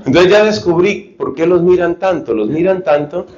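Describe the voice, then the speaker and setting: A male preacher giving a sermon, telling stories lively and acting out short dialogues. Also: sits high, moderate pace. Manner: lively storytelling, acts out dialogues. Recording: roomy, slightly dull recording.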